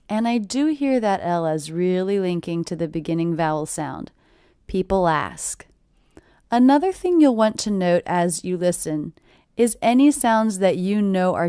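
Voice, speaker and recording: A woman teaching English pronunciation, clearly and deliberately repeating short phrases. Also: lowish voice, dark tone, dry recording, studio quality. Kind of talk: pronunciation lesson.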